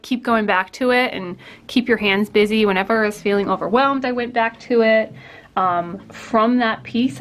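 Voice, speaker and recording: A woman artist hosting a casual studio vlog, talking while she paints, rambling with lots of fillers and restarts. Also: medium pitch. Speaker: artist and vlogger. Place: home art studio.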